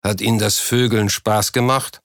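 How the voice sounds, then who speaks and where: Casting: a crude, smug tough guy in his late twenties, low voice, dry close sound, played by the narrator. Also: steady tone, normal speed, a bit bright, no room sound, lightly acted. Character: brash, menacing burly businessman in his late twenties.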